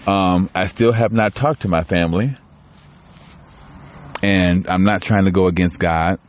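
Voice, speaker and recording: A man's voice: low voice, steady tone, a little slow. A man talking candidly in a home vlog, rambling with many restarts and growing tearful. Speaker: channel host. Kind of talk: casual personal vlog talk.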